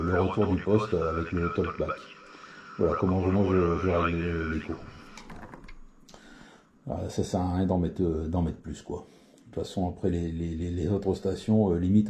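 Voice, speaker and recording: Speaking with a low, warm voice over slight background noise, a CB radio hobbyist explains his radio settings casually. The tutorial comes out hesitant, full of fillers and restarts.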